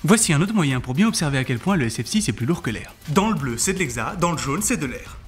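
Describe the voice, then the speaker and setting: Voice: mid-range voice, very animated, fast. A science presenter giving scripted explanations of demonstrations. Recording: roomy echo under music.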